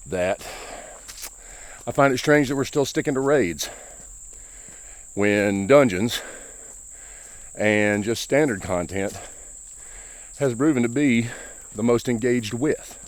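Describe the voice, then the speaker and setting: Low-voiced, out-of-breath vlogging man. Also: no room sound. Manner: rambling, opinionated. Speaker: gaming vlogger. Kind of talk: casual vlog monologue while walking. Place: outdoors on a walk, rural.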